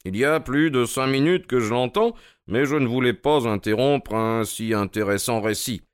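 A man's voice: medium pitch, moderate pace, clear, resonant tone, no room sound, lightly acted. A man playing an ironic, probing detective in an audio drama reading. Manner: dry, mocking, probing. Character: sharp, ironic male detective, middle-aged.

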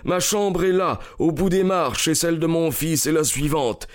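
A man voicing an impatient, indignant older gentleman in a read-aloud story, speaking well above his own pitch. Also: expressive, measured pace. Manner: raised, impatient, protesting. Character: indignant older man, a gruff country squire.

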